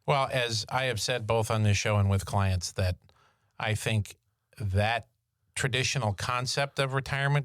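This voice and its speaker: A man with a fairly low voice co-hosting a podcast and tossing in dry, sarcastic one-liners. He sounds relaxed and conversational. The close mic gives a dry, echo-free sound. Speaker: podcast co-host. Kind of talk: casual chat.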